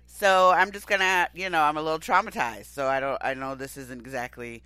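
Bright, animated man in his forties. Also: on the high side, brisk, clean tone, no echo. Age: 40s. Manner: animated, expressive storyteller. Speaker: podcast co-host. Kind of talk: casual chat.

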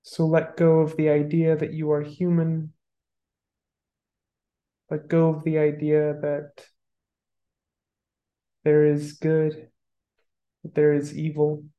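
A meditation guide leading a guided meditation, giving calm, unhurried instructions with long pauses. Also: medium pitch, dull audio.

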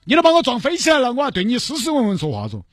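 A cranky old man of seventy with a Sichuanese accent, scolding and nagging without a break, as a man puts him on. The voice sits very high and swings widely up and down, with a husky edge. It is recorded dry and close. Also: huge pitch swings, rapid-fire, a bit bright, no echo, exaggerated voice. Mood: grumbling.

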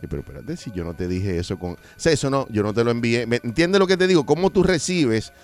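A man co-hosts in easygoing banter, his pitch swinging widely as he slips into mock voices for quoted lines. Faint music sits beneath the talk. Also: lively intonation, fast talker. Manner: playful, acts out quoted lines in put-on voices. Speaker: radio show co-host. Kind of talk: casual banter on a talk show.

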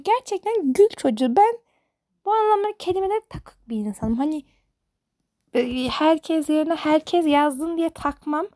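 A teenage girl with a high, mellow voice vents to the camera in a casual, rambling monologue. She sounds fed up and exasperated, and her words tumble out in loose asides. The sound is dry and close, with no room around it. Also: no echo. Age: teens. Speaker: high school student.

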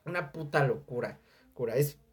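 A young adult speaker with a Mexican accent reviewing an album on a casual podcast, animated and profane, breaking into shouted sound imitations. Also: mid-range voice, normal speed. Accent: Mexican Spanish. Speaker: music reviewer.

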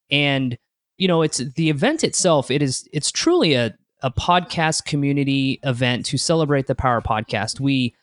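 A man's voice: medium pitch, no echo. A man answering interview questions about his podcast in an earnest, upbeat way, often restarting his sentences. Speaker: podcast co-host, interview guest.

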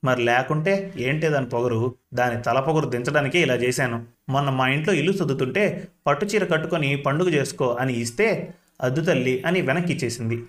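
A man's voice: mid-range voice, fairly quick, lightly acted. A man voicing a proud, scheming village woman. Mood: smug. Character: proud woman feigning a goddess possession.

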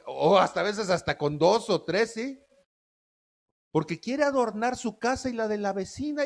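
High-voiced, slow preacher. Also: male voice. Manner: folksy, asks the audience "¿sí?" often. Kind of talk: sermon.

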